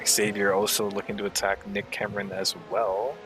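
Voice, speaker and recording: A man with a fairly low voice and flat delivery works as co-commentator on an online sim racing broadcast, giving conversational live commentary at a moderate pace. He sounds a bit hesitant as he pieces together the action, with music playing in the background.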